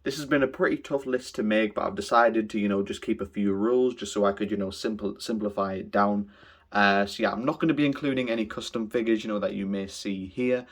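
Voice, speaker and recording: A man's voice: fairly low pitch, fairly quick. A young man from the UK talking casually to camera as a collector vlogger, rambling with many fillers. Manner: rambling, heavy on fillers like "you know". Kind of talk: casual vlog talk.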